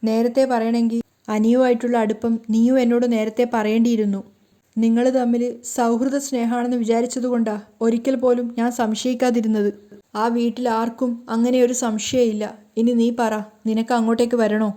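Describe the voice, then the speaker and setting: A woman's voice: a little high, level tone, fairly quick, mellow, natural voice. Woman reading a tearful young wife. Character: tearful young married woman, selfless, hurt.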